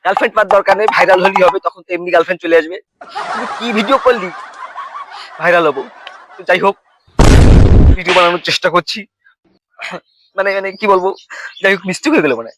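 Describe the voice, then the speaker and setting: A man's voice: high voice, very fast, pauses often, noisy background. A young man with a Bengali accent who rambles through a comic monologue, fumbling his words and slipping into sing-song lines and mock wailing. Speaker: comedy vlogger.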